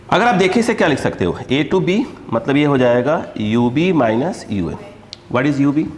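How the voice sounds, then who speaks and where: A male physics teacher lecturing a class, constantly quizzing students and scolding them with a joking edge. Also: fairly high pitch. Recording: echoey hall, faint background hum.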